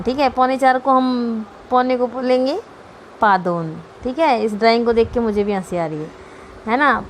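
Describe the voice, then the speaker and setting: A woman's voice: a little high, a little hiss or hum. A woman teacher giving a Sanskrit grammar lesson to students, patient, repeating each term and checking that they understand.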